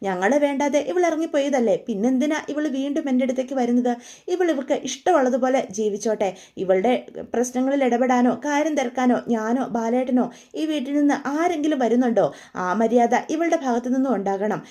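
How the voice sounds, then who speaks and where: A woman's voice: high voice, brisk, mellow, natural voice. A woman voicing a harsh, unforgiving mother who scolds her estranged daughter. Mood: bitter.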